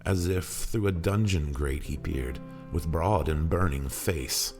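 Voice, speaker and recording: A man with a slow bass voice gives a dramatic, brooding and emphatic poetry reading, with guitar playing beneath his words.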